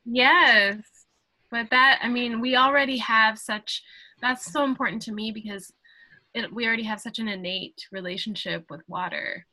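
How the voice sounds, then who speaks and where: Bright-voiced woman, thoughtful and halting. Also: a little high, fairly even intonation, no echo, rough recording. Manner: thoughtful, halting, with frequent fillers and laughs. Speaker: guest artist, playwright. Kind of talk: casual interview conversation.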